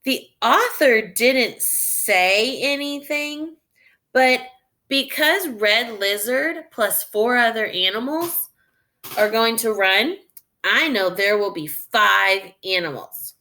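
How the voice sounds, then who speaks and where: A woman with a fairly high, animated voice reads a story to children in a teacher-like fashion. She voices her thinking as she goes and guides the kids deliberately through the lesson.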